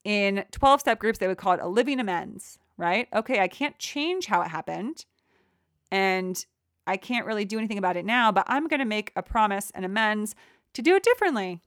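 A young woman talks through a reflective solo podcast in a soft, encouraging voice of middle pitch. She wanders and restarts, filling her talk with "like" and "you know." The sound is dry and close, with no room around it. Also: expressive, fairly quick, no echo. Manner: gentle, encouraging, rambling with many fillers. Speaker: podcast host.

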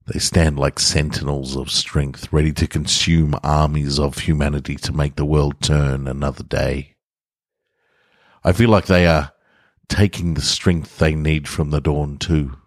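This man's voice rumbles low, recorded with studio quality and no echo. He hosts a podcast, giving a casual intro before reading his own short stories aloud from a hotel room fitted with portable studio equipment.

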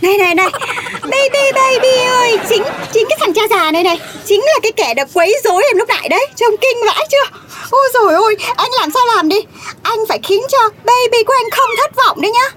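A woman doing a shrill, melodramatic young diva. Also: animated, fast, noisy background. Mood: whiny. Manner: shrill, theatrical, wailing. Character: brash melodramatic young woman, whiny and theatrical. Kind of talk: comedic audio drama.

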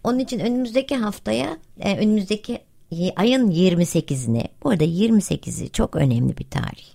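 A woman's voice: mid-range voice, lively intonation, fast talker, vocal fry, warm tone. A woman hosting a casual discussion who earnestly urges listeners to vote and not give up.

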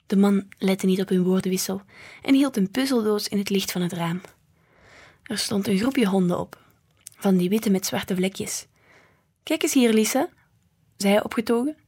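Slightly breathy woman reading. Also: mid-range voice, moderate pace, warm tone. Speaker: storybook reader. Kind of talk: children's book read aloud.

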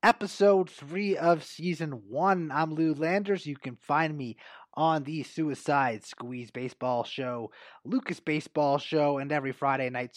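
Energetic sports show host guy, slightly high voice, dry close sound. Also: dry recording. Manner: energetic, upbeat presenter. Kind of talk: sports radio talk.

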